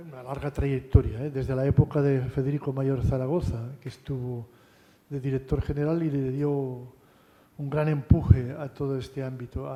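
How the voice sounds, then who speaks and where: A man's voice: medium pitch, dark tone. Lecturing man in a reverberant hall. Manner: conversational, tag questions, frequent restarts. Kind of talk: university lecture.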